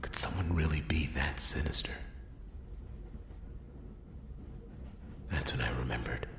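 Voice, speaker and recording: A man voicing a world-weary noir detective in a whispered role-play, brooding and halting, with dramatic pauses and a gravelly, breathy voice. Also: a bass voice, fairly bright tone, echoey room, slight background noise. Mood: dawning realization. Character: world-weary male noir detective piecing together a murder.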